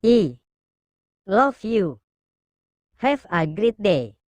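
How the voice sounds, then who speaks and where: A woman's voice: mid-range voice, a little slow, darkish tone, no echo, close to an everyday voice. A woman reading an audiobook, voicing a nervous young woman who stammers and hesitates. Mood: shy. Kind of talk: audiobook character voice.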